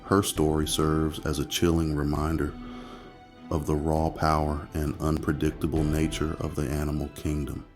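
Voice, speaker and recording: A man narrating a nature documentary from a script in an ominous, dramatic way, with slow phrasing and weighty pauses. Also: extremely low pitch, completely flat delivery, darkish tone, faint music behind.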